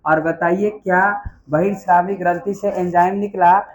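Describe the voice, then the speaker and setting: A man's voice: high-pitched, steady tone, moderate pace, poor audio. A man teaching a biology class, quizzing students and repeating key terms in a call-and-response style.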